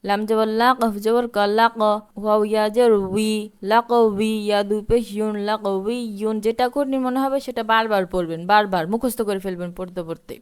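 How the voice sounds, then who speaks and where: A woman's voice: mid-range voice, fairly quick, clear, resonant tone. A woman teaching Quran reading, spelling Arabic words letter by letter and reciting them with long drawn vowels.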